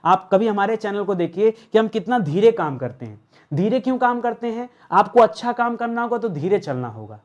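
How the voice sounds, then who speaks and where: A man's voice: high-pitched, sing-song, normal speed. A man teaching an online grammar class. He asks his viewers questions, answers them himself and repeats the key words.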